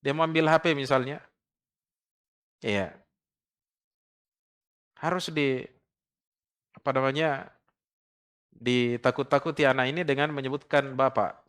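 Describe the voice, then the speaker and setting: A man teaches a religious study class in a prayer room. He speaks in a measured way, often pausing to add an affirming tag. His voice is smooth and resonant, at a middle pitch. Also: steady tone, a bit bright. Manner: measured, frequent affirming "iya" tags. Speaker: Islamic preacher.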